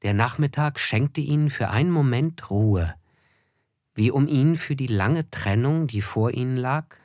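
A male actor voices a reflective, melancholy narrator looking back on the past, delivering a literary radio drama in measured, thoughtful phrases. His medium-pitched voice is slightly mellow with lively intonation, recorded at studio quality with no echo.

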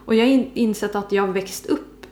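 A woman's voice: medium pitch, a little mellow. A young woman with an Uppsala Swedish accent, co-hosting a podcast and telling stories casually, with many fillers and acted-out quotes. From Sweden. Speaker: podcast co-host. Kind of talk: casual chat. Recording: roomy echo.

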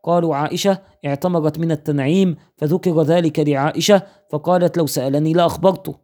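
A man's voice: fairly high pitch, steady tone, fast, mellow. A man teaching Islamic jurisprudence, reading a fiqh text aloud, counting off points in order and citing his sources.

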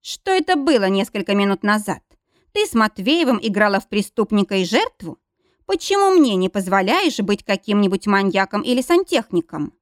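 A jealous, grumpy old man of seventy-five, as a woman narrator reads him, grumbling and sulking in a lively-pitched voice. The recording is dry and close. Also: moderate pace, no room sound, natural voice. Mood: sulky. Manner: grumbling, sulky.

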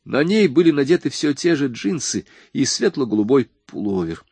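A man narrating a crime novel audiobook in a measured, even reading. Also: medium pitch, husky, no echo.

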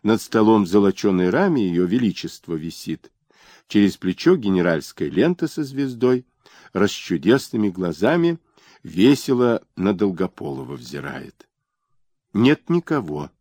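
A man reading a historical novel aloud as an audiobook narrator, in expressive, unhurried storytelling. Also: lowish voice, no room sound, studio quality.

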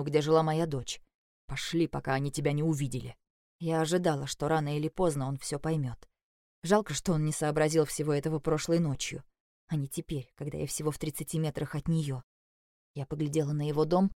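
A woman's voice: deep voice, mellow, no echo, clean studio sound. A woman narrating a first-person audiobook in a tense, anxious storytelling manner.

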